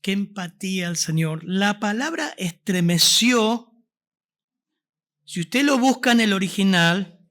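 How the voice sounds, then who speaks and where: A man's voice: high voice, animated, slow, fairly bright tone. A man with an Argentine accent preaching a Sunday sermon as pastor, asking the congregation questions. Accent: Argentine Spanish. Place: church service.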